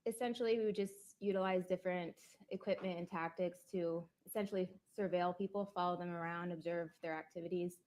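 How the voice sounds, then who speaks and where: A woman police detective giving measured, factual courtroom testimony. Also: lowish voice, steady tone, a little mellow.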